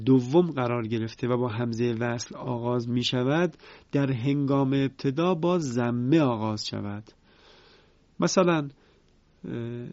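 Guy with a gravelly voice explaining recitation rules step by step, dry dull lo-fi recording. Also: mid-range voice, a little mellow, no echo. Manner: measured and explanatory, repeats examples slowly. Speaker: Quran recitation teacher. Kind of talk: formal spoken lesson. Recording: dry, slightly dull lo-fi sound.

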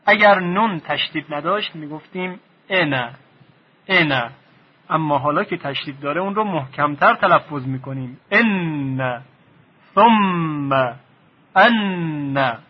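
A man teaching a recorded lesson on reading the Quran, speaking slowly and deliberately and stressing each sound in his examples. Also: a little high, husky, lo-fi sound.

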